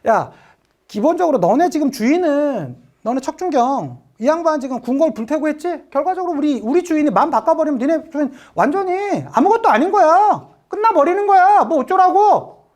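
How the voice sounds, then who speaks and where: A woman's voice: high voice, expressive, a little fast, a little mellow, voice pushed up. A woman acting out a brash, arrogant male servant who taunts a rival in a history lesson. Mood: taunting. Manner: taunting, swaggering.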